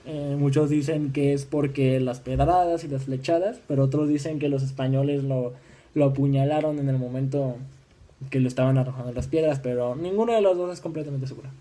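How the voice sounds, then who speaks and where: Young man retelling history, mellow voice. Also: mid-range voice. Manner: halting, many restarts and fillers; acts out voices in dialogue. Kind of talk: informal history talk.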